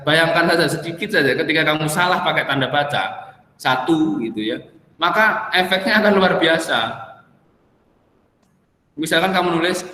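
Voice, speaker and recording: A young man teaches in a loose, joking way, tossing in asides. His voice sits a little high and sounds bright. The room is echoey, with a long reverb tail. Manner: chatty, jokey, with Javanese asides. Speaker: tutor. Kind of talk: casual exam-prep lesson.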